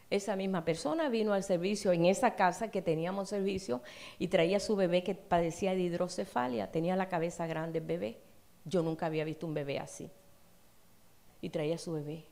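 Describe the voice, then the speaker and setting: A woman's voice: lowish voice, gravelly. An older woman preaching a sermon, telling stories and acting out the dialogue. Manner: animated storytelling, acting out dialogue in her talk.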